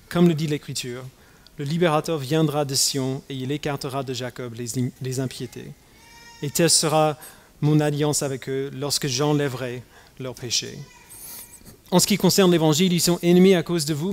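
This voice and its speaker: Halting, high-pitched male preacher in a hall. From United States. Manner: halting, many fillers and restarts. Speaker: pastor. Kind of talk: sermon. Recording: long hall reverb.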